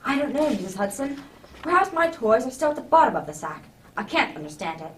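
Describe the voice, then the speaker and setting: A distant-sounding woman acting as a kindly gentleman doctor playing Santa in a radio play. The voice is high and hearty, swinging freely through bluff, old-fashioned exclamations. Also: sing-song, fairly quick, a little hiss or hum. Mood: startled, bewildered. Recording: distant microphone.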